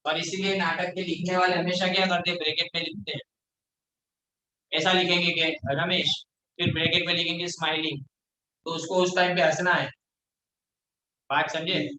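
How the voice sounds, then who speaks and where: Male lecturer, high and bright, flat delivery, reads slowly and explains in Hindi, echoey room. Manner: reads English lines slowly from the text, then explains them in Hindi. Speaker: college lecturer. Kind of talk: classroom lecture mixing Hindi and English.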